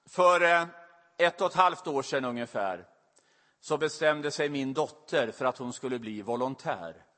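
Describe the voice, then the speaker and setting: A man's voice: medium pitch, animated, bright, forceful tone. A middle-aged man preaching a sermon, telling a personal story in a confessional way that grows emotional. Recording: long reverb of a large hall.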